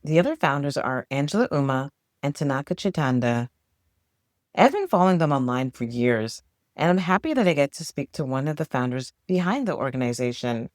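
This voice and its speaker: A woman podcast host reads her scripted introduction in an upbeat way, moving through lists with a steady rhythm. Her pitch moves up and down a great deal, and the sound is dry and close with no room echo. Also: fairly quick.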